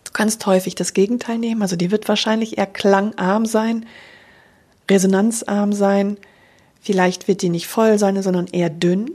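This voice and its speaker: Husky-voiced woman teaching voice. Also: medium pitch, moderate pace. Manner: calm, explanatory, addresses listener directly. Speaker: voice coach. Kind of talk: spoken voice lesson.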